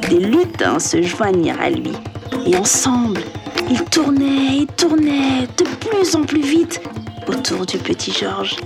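A woman narrating a children's story softly, at times dropping to a whisper. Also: sits high, big pitch swings, takes it slowly, vocal fry. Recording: soft music behind the reading.

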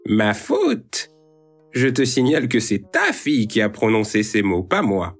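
A man's voice: fairly low pitch, sing-song, a little slow, fairly bright tone, faint music behind, heavily acted. A man voicing a grating-voiced, sneering old witch in a read-aloud storybook. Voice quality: grating, creaky voice. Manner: sneering, cold and stern. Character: mocking old witch in a violet dress.

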